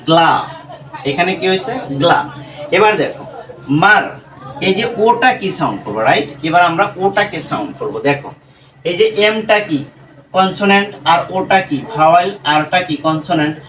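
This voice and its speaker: A man teaching English pronunciation, patiently breaking words apart slowly and asking his students questions. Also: high-pitched, a bit bright, a little hiss or hum. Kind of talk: classroom lesson explaining English pronunciation. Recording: echoey room, voice from far off.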